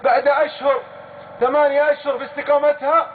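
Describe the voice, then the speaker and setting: A man's voice: very high voice, level tone, fast. A man preaching a sermon with a Saudi Gulf accent, telling stories and speaking emphatically, often swearing oaths and addressing the crowd directly. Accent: Saudi Gulf Arabic. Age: adult with a young daughter. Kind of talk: sermon with storytelling. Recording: tinny lo-fi phone-like recording with faint hiss.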